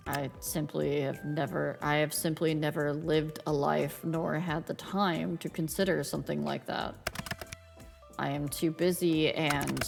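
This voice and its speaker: A woman's voice: deep voice, vocal fry, pitched below the performer's own voice. A woman voicing an aloof, brooding male Grim Reaper in a romance game, speaking in a stiff, formal, disdainful way. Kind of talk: dramatic reading of a romance visual novel.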